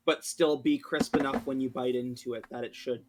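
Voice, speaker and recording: A man's voice: medium pitch, fairly even intonation, a little fast. A man playing a tabletop game, describing his character's actions in a rambling way full of fillers. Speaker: player. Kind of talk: tabletop role-play narration.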